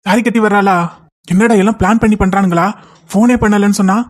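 A man's voice: sits high, steady tone, close to an everyday voice. A man voicing an anxious young male friend in a cartoon, fretting and complaining. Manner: fretful, fast complaining. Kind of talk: cartoon voice acting.

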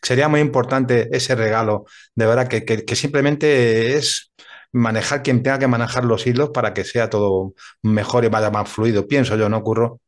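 A man hosting a radio interview, talking in an earnest, halting way with repeated words. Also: medium pitch, fairly even intonation. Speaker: radio host. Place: radio studio.

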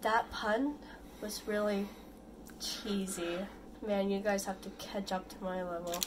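Female family member, teasing, playful, distant, loud noisy recording. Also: mid-range voice, fairly even intonation, a little slow. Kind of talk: casual chat. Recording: noisy, off-mic from across the room.

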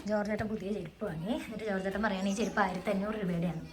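A woman's voice: medium pitch, steady tone, very fast. A young woman chatting casually as a vlogger, teasing and talkative. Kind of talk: casual vlog narration. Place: outdoors and at home. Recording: noisy outdoor phone recording.

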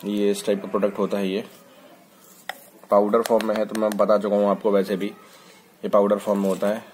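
This product review vlog features a man with a fairly low, darkish voice, delivered completely flat and a bit fast. Filmed on a phone indoors, he handles a bottle on a table and talks informally, with hesitant fillers, restarts and some English words. The audio is poor, with a little hiss or hum.

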